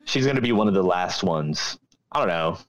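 Man, low voice, very lively pitch, crude jokes, animated banter, podcast co-host. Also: normal speed, rough recording. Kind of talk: casual chat.

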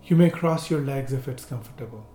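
Calm man guiding a slow relaxation. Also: medium pitch. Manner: slow, calm, gentle instructions with long pauses. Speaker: meditation guide. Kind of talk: guided relaxation instruction. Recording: roomy echo with faint music.

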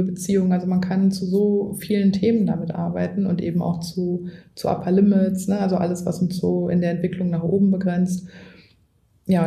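A woman's voice: on the low side, creaky, dark tone, echoey room. A woman coach, a guest in a podcast interview, who explains at length and often adds a tag question. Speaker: coach and trainer.

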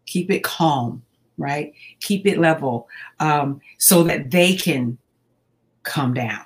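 Calm, laughing woman guest. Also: lowish voice. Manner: calm, measured, laughs often while talking. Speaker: school staff working with students. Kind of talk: casual interview conversation.

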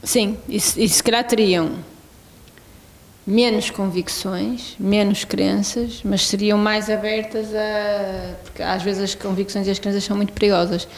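A woman hosting a casual podcast conversation, speaking in a measured, deliberate way. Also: medium pitch, little pitch movement.

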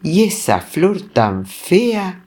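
A man's voice: lowish voice, expressive, takes it slowly, full character voice. A man voicing a vain, hot-tempered lion who boasts and roars in a storybook reading. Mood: angry. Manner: boastful, roaring. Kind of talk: storybook voice acting.

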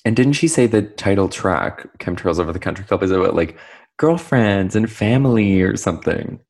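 Deep-voiced man dishing gossip. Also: expressive, normal speed, a little mellow. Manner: chatty gossip with many "like" fillers and wry asides. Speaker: podcast co-host. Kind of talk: casual pop-culture chat.

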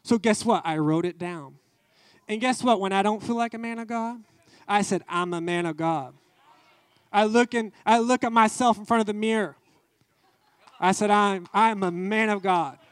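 A man's voice: high voice, normal speed, pauses often, smooth, no room sound. A man preaching a testimony sermon, fervent and emphatic, repeating his key phrases.

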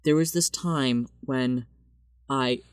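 A man's voice: medium pitch, takes it slowly, clean tone, dry recording. A man co-hosting a podcast, telling self-deprecating stories in a rambling, casual way full of fillers. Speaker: podcast co-host.

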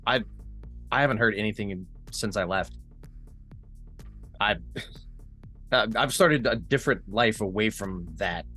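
A man in a tabletop role-play, stumbling and repeating himself as he speaks. His voice sits a little low, with light music in the background. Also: a little slow, pauses often, sharp tone. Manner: stammering, hesitant. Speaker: player.

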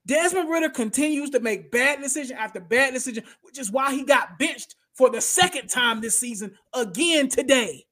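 A man's voice: extremely high pitch, animated, normal speed, hardly any pauses, bright, forceful tone. A man hosting a casual sports talk show, blunt and opinionated, who often says "bro" and "y'all". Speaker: podcast host.

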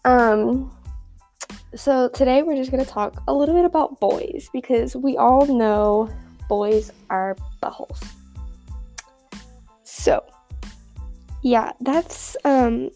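A woman's voice: high voice, slow, long pauses, dark tone, soft background music. A teenage girl from Texas hosting a podcast in a casual, rambling, slangy chat, her voice muffled by a face mask, recorded at school. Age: teens. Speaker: podcast host. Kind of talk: casual chatty monologue.

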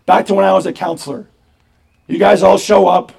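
Hoarse older priest, gravelly and high. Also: male voice, fairly quick. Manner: animated, acts out campers' voices. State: hoarse, voice nearly gone. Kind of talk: sermon to campers. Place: camp gathering.

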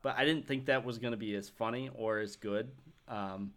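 A man's voice: lowish voice, steady tone, normal speed, fairly bright tone. A young man co-hosting a podcast in casual chat, laughing often and swearing freely. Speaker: podcast co-host.

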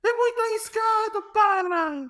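A man imitating a hot-tempered older male football coach, shouting in a high, strained voice. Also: measured pace, exaggerated voice. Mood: scolding.

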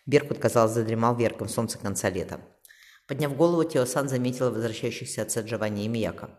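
A man narrating an audiobook in an expressive, scripted reading. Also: medium pitch, fast. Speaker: audiobook reader. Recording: long reverb.

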